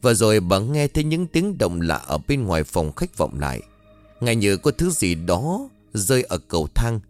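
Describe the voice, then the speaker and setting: A man narrating a scripted horror story in a dramatic, expressive way, close to the mic. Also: on the low side, moderate pace, soft background music.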